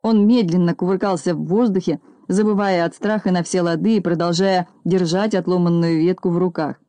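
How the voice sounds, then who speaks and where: A woman narrating a children's storybook in a lively, expressive reading style. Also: fairly low pitch, fairly quick, dry recording.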